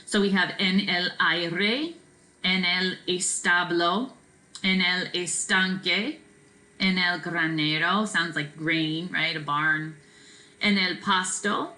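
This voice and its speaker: A woman teaching a Spanish vocabulary lesson in a relaxed, chatty way, often checking in with "right?" and filling pauses with "um.". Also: fairly low pitch, low-quality recording. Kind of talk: recorded classroom vocabulary lesson.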